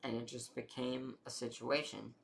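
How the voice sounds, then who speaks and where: A man's voice: mid-range voice, flat delivery, normal speed, gravelly. A young man casually telling his own story in a rambling way, full of fillers and the odd swear word.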